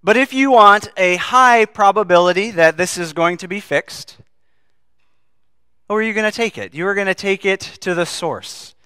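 A man's voice: sits high, moderate pace, sharp tone, clear, resonant tone, dry recording, studio quality. A man who is a pastor, preaching a sermon and reading scripture aloud, earnest and asking the congregation questions.

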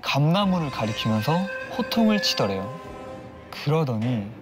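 A man telling a ghost story on a TV studio set, building suspense with drawn-out pauses. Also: mid-range voice, sing-song. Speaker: storyteller on a horror talk show. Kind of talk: dramatic ghost-story narration. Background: eerie background music.

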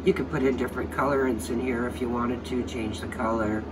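A man talks his way through a home how-to, chatty and unhurried, with plenty of ums along the way. He sits back from the microphone in a kitchen, and an air conditioner hums clearly behind him. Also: mid-range voice, steady tone. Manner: chatty, thinking aloud with fillers. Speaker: soap-making vlogger. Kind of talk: casual how-to vlog. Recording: distant mic, air-conditioner hum.

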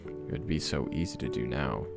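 A man reading aloud the inner thoughts of a teenage girl with hidden sadness, in a plain, low, flat way, over background music. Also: moderate pace, gravelly, full character voice. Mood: sad inner monologue. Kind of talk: reading game dialogue aloud.

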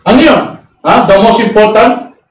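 A man debating heatedly, sometimes shouting and firing off rhetorical questions. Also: high voice, normal speed. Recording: echoey room, voice far from mic, faint noise.

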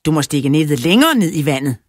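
A woman reading the lines of a bossy male schoolteacher in a children's audiobook, loud and insistent. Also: low-pitched, sing-song, no echo, clean studio sound.

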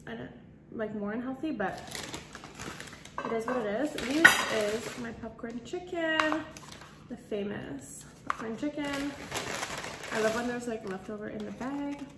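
A woman's voice: a little high, unhurried, pauses often. A young woman hosting her own vlog, chatting casually and bubbly while she eats, laughing between phrases. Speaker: vlogger host. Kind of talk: casual chat mukbang vlog. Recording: echoey room with noise.

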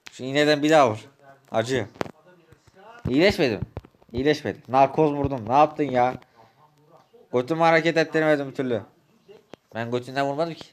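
A man in a Minecraft role-play, bickering in a taunting, rough, slangy way. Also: mid-range voice.

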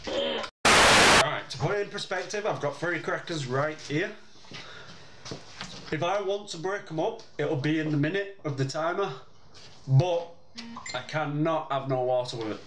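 A man's voice: on the high side, animated, a little slow, pauses often, bright, forceful tone. A man chatting and bantering casually during a challenge, recorded in a room at home. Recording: very noisy, echoey room with clicks.

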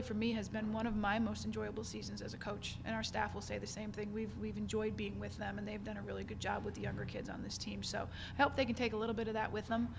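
Gravelly-voiced woman coach at a postgame presser, flat even delivery, lots of um and you know, noisy room. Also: medium pitch. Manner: earnest, candid, many fillers and restarts. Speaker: head basketball coach. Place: press conference room with sponsor backdrop. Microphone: table mic in front of her.

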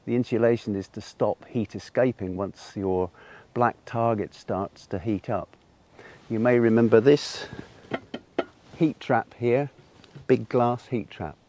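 Outdoors in a garden, an older man wearing a lapel mic gives an unscripted solar cooking demonstration, explaining patiently with frequent ums. His voice is medium-pitched and mellow at a measured pace, with a little hiss or hum in the recording.

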